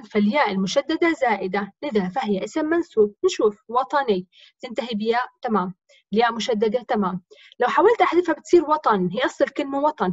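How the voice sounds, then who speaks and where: A woman's voice: a little high, a little mellow, husky, no echo, dull audio. A woman teacher with a Levantine accent, explaining grammar step by step by asking and answering her own questions in a recorded lesson. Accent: Levantine Arabic. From Jordan.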